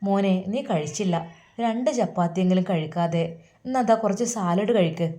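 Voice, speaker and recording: A woman's voice: medium pitch, moderate pace, warm tone, lightly acted. A woman doing a tender worried mother. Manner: coaxing, tender.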